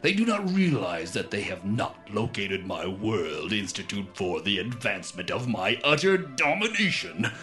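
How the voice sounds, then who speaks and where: A man playing a grandiose, gloating supervillain mastermind in a cartoon, speaking pompously and deliberately over music. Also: lowish voice, sing-song, pushed and bright. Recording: music behind the voice.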